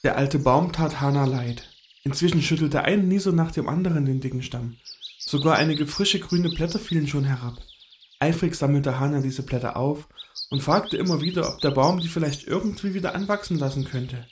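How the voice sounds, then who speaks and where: A man gently narrating a children's story in an expressive storytelling manner. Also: a little high, moderate pace, background noise.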